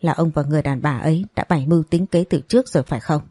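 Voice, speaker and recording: A woman doing a bitter older mother in an audio story, hurling reproach at the man who wronged her. The voice sits low and husky, with a mellow, dry closeness. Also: very fast, no room sound. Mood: furious, accusing. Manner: accusing, reproachful. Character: grieving, furious older mother confronting a man.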